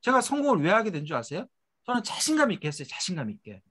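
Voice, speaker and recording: Here a middle-aged man gives an emphatic motivational talk for a network marketing company, racing along in a husky voice with huge swings in pitch. Rhetorical questions pepper his speech, and his tag phrases trail off quietly at a low pitch.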